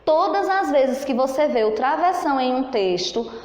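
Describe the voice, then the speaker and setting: A woman's voice: high voice, expressive, darkish tone. Singsong Brazilian woman teaching young kids. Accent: Brazilian Portuguese. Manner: slow and singsong, stretching words for young pupils. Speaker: primary school teacher. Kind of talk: children's lesson. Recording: echoey room with long reverb.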